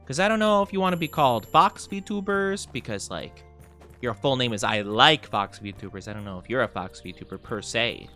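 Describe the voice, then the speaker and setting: A man's voice: mid-range voice, animated, moderate pace, sharp tone, faint music behind. A man hosting a livestream as a VTuber, chatting casually while he plays a game, with effusive, gushing greetings and a cutesy, cooing way of talking. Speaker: VTuber streamer host.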